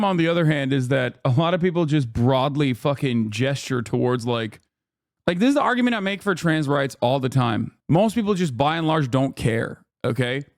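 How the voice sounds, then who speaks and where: A man's voice: medium pitch, no echo, clean studio sound. A man streaming a reaction, ranting heatedly about politics with heavy swearing and emphatic repetition. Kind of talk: live-stream reaction rant.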